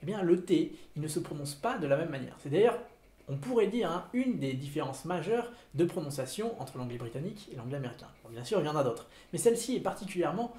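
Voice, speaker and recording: A man's voice: on the high side, very animated, quick pace, dark tone, roomy sound. A man introducing a video lesson on pronunciation, speaking in a friendly, explanatory way with small fillers. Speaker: English teacher presenting the lesson.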